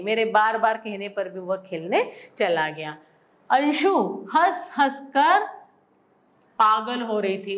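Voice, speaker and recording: A woman teacher giving a school lesson, explaining slowly and answering her own questions. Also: a little high. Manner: repeats words for emphasis. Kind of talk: classroom Hindi lesson.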